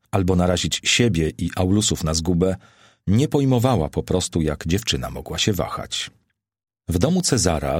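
Deep husky male audiobook narrator. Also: no room sound, clean studio sound. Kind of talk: scripted narration of a classic novel.

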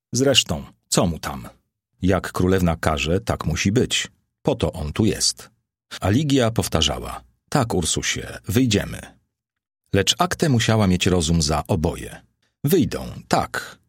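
A man narrating a classic novel as an audiobook, measured and solemn. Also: deep voice, breathy edge, dry recording, studio quality.

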